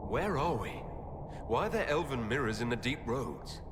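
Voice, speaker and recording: A man's voice: mid-range voice, animated, moderate pace, noisy background, natural voice. A man playing a commanding, resolute and wry military leader in a video game cutscene. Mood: questioning.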